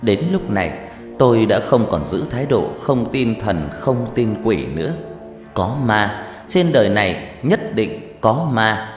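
Guy narrating a spooky story, lively voice, big echo, faint music underneath. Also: lowish voice, unhurried. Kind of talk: first-person ghost story narration. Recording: reverberant room with faint music.

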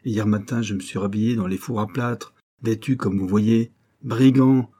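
A man's voice: lowish voice, steady tone, moderate pace, mellow, lightly acted. A man voicing a cocky young male street rascal in an audiobook, grumbling and indignant in slangy speech.

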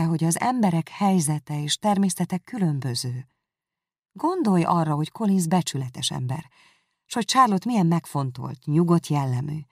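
A woman reading a novel aloud, voicing a gentle, forgiving young woman in a soft, pleading manner. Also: on the low side, no room sound, studio quality.

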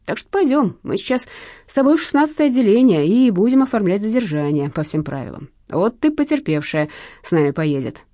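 A woman's voice: mid-range voice, brisk, no room sound, voice pushed up, natural voice. Woman voicing a shrewd, cutting old cop. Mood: stern. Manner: calm, dry, cutting. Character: shrewd older male ex-cop, calm and cunning.

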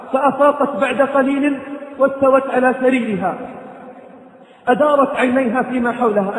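A male preacher tells a moral story, calling out to his listeners with dramatic flair. His voice sits very high, and a long, roomy reverb trails every phrase. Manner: addresses listeners directly, dramatic. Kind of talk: sermon storytelling narration. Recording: echoey hall reverb.

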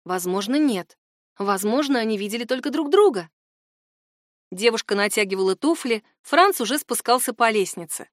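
A woman narrating an audiobook in a measured, even storytelling voice. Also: fairly high pitch, dry recording, studio quality. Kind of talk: scripted narration.

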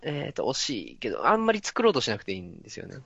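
Lively, playful man in his thirties. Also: medium pitch, gravelly, husky, dry recording, dull audio. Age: 30s. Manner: playful, laughing, explains in a halting way. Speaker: guest voice performer. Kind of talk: casual chat with a voice-training demonstration.

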